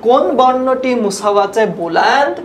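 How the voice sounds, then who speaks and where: A woman's voice: on the high side, expressive, normal speed. A woman teaching a language lesson to viewers, explaining sounds patiently and repeating examples step by step. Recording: echoey room with faint ambient noise.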